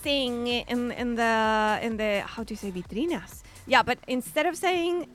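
A woman's voice: fairly high pitch, slow pace, fairly bright tone, faint music behind. Friendly woman radio co-host. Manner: friendly, asks questions, short replies, mixes Spanish and English. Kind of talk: casual bilingual radio chat. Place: radio studio.

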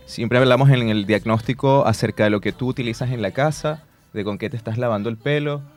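A man's voice: mid-range voice, a little fast, a little mellow, faint music behind. A young man in his twenties, a hair salon owner, explaining upbeat in a radio interview. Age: 20s.

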